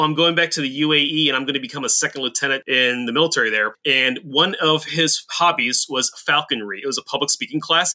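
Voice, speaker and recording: A man's voice: medium pitch, sharp tone. A man co-hosting a podcast, chatting casually, upbeat and laughing often. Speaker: podcast co-host. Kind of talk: casual chat.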